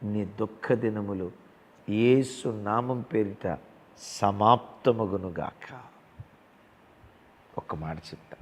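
A man preaching an emotional sermon, swelling loud and then dropping to a hush. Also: lowish voice, slow, long pauses, slightly rough. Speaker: pastor. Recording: long hall reverb.

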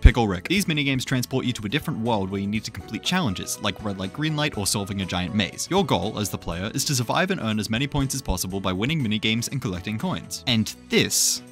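A man's voice: fairly low pitch, lively intonation, fast, hardly any pauses, faint music behind. Young man narrating with dry sarcasm. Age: young adult. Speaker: video host and narrator. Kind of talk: scripted comedic narration.

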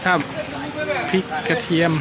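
A man chatting casually as a vlog host, politely echoing what people tell him. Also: a little slow. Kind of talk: casual travel vlog chat. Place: outdoors, walking along a market lane. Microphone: handheld camera mic.

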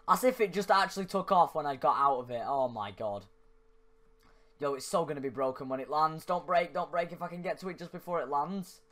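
A man's voice: a little high, a little fast, a bit bright. A young man giving chatty gameplay commentary into a desk microphone, yelping and laughing when things go wrong. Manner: chatty, yelps and laughs at mishaps. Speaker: gaming YouTuber. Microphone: desk microphone spoken into closely.

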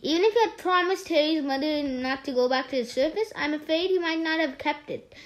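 High-voiced woman reading a children's book. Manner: halting, with frequent restarts. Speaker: storyteller.

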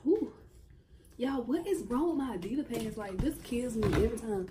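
A woman's voice: fairly high pitch, expressive, fairly quick, noisy background. Chatty young woman vlogging casually. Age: late teens. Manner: chatty, slangy, talks straight to viewers. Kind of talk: casual vlog chat.

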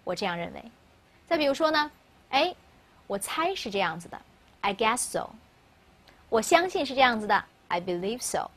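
Brief: woman teacher explaining English grammar to a class, native Mandarin speaker, a little high and husky. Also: very animated, moderate pace, pauses often, a bit bright. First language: Mandarin Chinese. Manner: asks questions and answers them herself.

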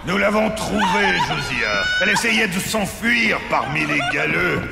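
An actor playing a menacing, fanatical cult preacher in a video game, with a gravelly, commanding, sermonizing delivery. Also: male voice, high-pitched, lively intonation, measured pace, full character voice. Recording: echoey hall, loud music over it.

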